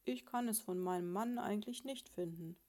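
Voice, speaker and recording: A woman reading a storybook, voicing a prim, self-assured female sparrow who lectures her husband in a patronizing, gently scolding way. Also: medium pitch, normal speed, close to an everyday voice. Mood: lecturing.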